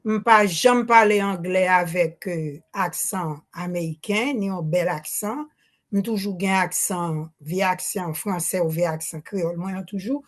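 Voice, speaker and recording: This time the older woman from Haiti has a fairly low pitch and a measured pace. She is in the audience at a public Q&A, asking a question through a handheld microphone in spontaneous French laced with Creole, with a Haitian accent, much hesitation and frequent restarts.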